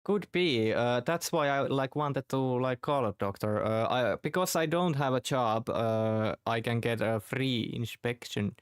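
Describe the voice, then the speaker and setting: A man from Finland chatting casually, halting often as he searches for words. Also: medium pitch, clear, resonant tone, no room sound, clean studio sound. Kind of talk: casual chat.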